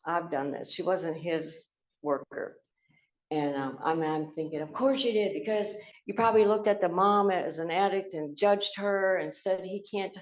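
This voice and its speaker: An older woman from the United States tells a personal story in a very low voice. She speaks earnestly and haltingly, full of fillers and restarts. The recording is echoey and a little dull. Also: darkish tone. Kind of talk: reflective spoken storytelling.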